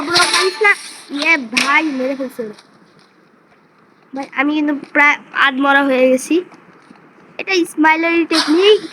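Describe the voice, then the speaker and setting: A woman giving chatty, excitable gameplay commentary and talking to her viewers. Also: high-pitched. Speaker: gaming streamer. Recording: noisy background hiss.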